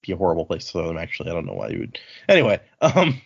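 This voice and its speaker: A deep, creaky, slightly rough male voice swoops wildly in pitch and races along very fast on a muffled recording. Co-hosting and leading a book read-along, he tells the story casually, voicing characters' lines in his own paraphrased words.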